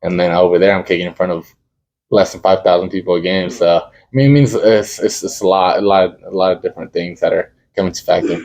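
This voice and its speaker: A young man from Dallas, Texas, a college football kicker whose first language is Spanish, answers interview questions casually. His voice sits low and steady with a darkish tone, and he speaks haltingly, searching for words with lots of fillers.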